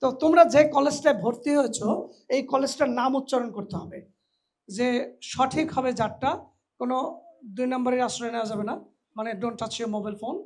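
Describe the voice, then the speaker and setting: A man teaching English pronunciation to new college students in a hall, lively and teasing, slipping English phrases into his talk. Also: extremely high pitch, brisk, pauses often. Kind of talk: lively classroom lecture with a live audience.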